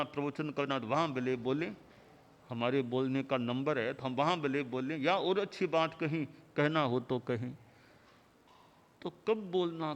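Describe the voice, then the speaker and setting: A man delivering a sermon as a spiritual teacher, in measured, rhythmic lists of short phrases. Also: a little high. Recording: long hall reverb.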